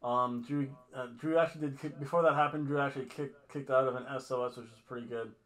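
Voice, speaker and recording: Fast and a bit bright, a middle-aged man's mid-range voice stays fairly even in intonation as he hosts a review at his webcam. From a small room at home, he chats casually, rambles, jokes, and lapses into mock accents.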